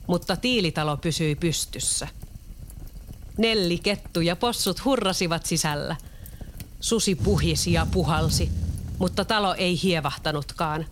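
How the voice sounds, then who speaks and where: Steady children's-story narrator, middle pitch, faint hiss behind. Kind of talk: storybook read-aloud.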